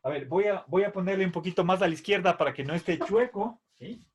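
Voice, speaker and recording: A man's voice: high-pitched, animated, breathy edge. A middle-aged man teaching a Latin grammar lesson, patiently explaining and repeating verb forms, checking in with "¿sí?" after each point. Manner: drills verb forms slowly, syllable by syllable. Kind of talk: slow classroom explanation.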